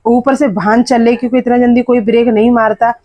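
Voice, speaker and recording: A woman's voice: a little high, flat delivery, fast talker, no echo, lo-fi sound. A woman vlogger talking casually to her viewers while walking outdoors, filming on a handheld phone. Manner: chatty, talks straight to viewers. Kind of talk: casual vlog narration. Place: outdoors on the street and at a temple. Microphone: phone held while walking.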